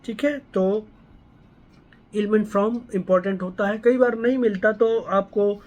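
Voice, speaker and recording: A man's voice: sits high, fairly even intonation, measured pace. A man, a homeopathy doctor, walking listeners through a patient case and often checking that they follow. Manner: explanatory, keeps checking in with listeners. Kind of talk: explaining a patient case to students.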